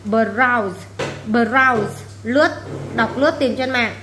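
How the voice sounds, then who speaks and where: A woman teacher drills English vocabulary with her class. Her voice sits a little high, and she repeats each word before explaining it plainly. The recording rings with room echo over a faint background hiss. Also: slow pace, fairly bright tone.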